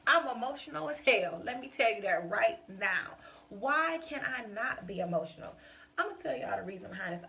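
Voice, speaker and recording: A woman's voice: mid-range voice, gravelly, a bit bright, slight background noise. A woman hosting her own podcast, talking straight to listeners in an emphatic, passionate way. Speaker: podcast host. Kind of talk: casual solo podcast monologue.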